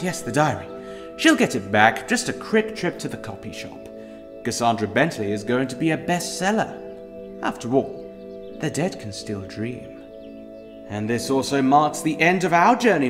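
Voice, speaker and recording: A man playing a mysterious, grandiose storyteller who addresses the listener with conspiratorial theatricality. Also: a little high. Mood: knowing. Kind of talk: dramatic anthology narration to the listener. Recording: long reverb under music.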